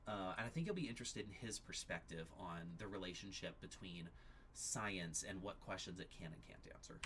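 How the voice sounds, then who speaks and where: A man with a notably low, deep voice delivers a church class lecture, explaining each point carefully and steadily. He pauses and restarts now and then as he works through an argument. Faint background noise sits under his voice. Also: a bit bright. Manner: explanatory, measured, occasional restarts.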